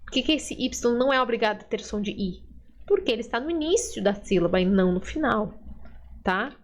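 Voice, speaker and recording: A woman with a fairly high voice gives a casual pronunciation lesson. She explains patiently, step by step, and keeps checking that the listener follows. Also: expressive, fairly quick. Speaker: Spanish teacher.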